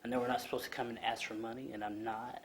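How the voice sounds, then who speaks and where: During public comment at a council meeting, a low-voiced man in his thirties speaks earnestly into a podium microphone in the council chamber, with many ums and restarts. His tone is level and his pace quick, and background noise can be heard.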